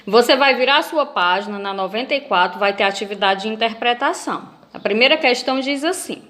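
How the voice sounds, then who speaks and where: A woman's voice: on the high side, animated, a little fast, fairly bright tone. A Brazilian woman teaching young schoolchildren in a video lesson, patiently reading a comic aloud and asking them questions. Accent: Brazilian Portuguese.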